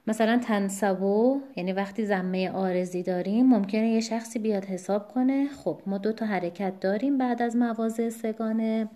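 A woman teaching Quran recitation in a patient, explanatory lecture, slowing down to demonstrate each example. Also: mid-range voice, fairly even intonation, dark tone. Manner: politely formal greetings. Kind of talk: online lesson lecture.

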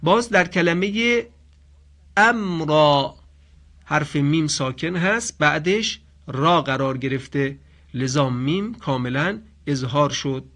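A man's voice: a little high, lively intonation, a bit bright. Patient Quran recitation teacher, man. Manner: patient, explanatory, slowly chants example phrases. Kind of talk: radio-style tajweed lesson.

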